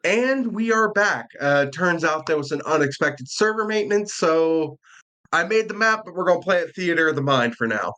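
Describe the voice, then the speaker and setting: A man running a tabletop game as dungeon master, chatty and quick, laughing often. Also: fairly high pitch, lively intonation, sharp tone, rough recording.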